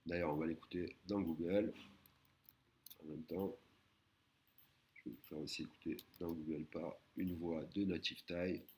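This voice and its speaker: A man teaching a recorded language lesson, patiently explaining and sounding out words slowly, syllable by syllable. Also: low voice, steady tone, mellow, slight background noise. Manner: slow, careful, syllable-by-syllable pronunciation of Thai words.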